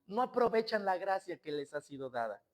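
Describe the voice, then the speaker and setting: A male pastor preaching a sermon, swinging between loud exclamations and quiet asides and acting out the scenes he tells. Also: high voice, very animated, a little fast. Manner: acts out quoted voices and scenes.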